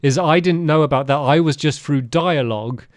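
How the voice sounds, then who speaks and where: Smooth-voiced man, rambling storyteller. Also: on the high side, normal speed, no room sound, studio quality. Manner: rambling, animated storytelling with fillers. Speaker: podcast co-host. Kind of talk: casual game discussion.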